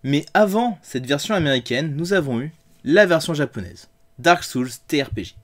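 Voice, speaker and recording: Man, fairly high voice, sarcastic game review host, swears freely, theatrical delivery. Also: expressive, moderate pace. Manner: sarcastic and crude, with theatrical outbursts. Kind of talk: comedic review monologue.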